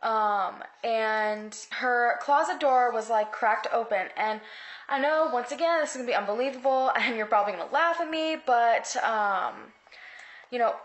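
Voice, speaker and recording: Woman, vlogger, slightly high voice, tense rambling talk, filler-heavy, filmed at home. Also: normal speed, reverberant. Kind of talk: casual storytelling to camera.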